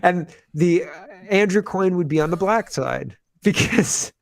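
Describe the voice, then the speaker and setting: A man, co-hosting a casual political chat in an animated, rambling way, with sarcastic mimicry. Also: high voice, a little slow, creaky. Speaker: podcast co-host.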